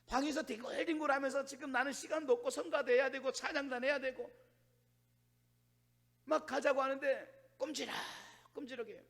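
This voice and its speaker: A male pastor preaching a sermon to his congregation. He is animated, acts out quoted complaints and drops to hushed asides. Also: sits high. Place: church sanctuary. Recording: reverberant church sanctuary.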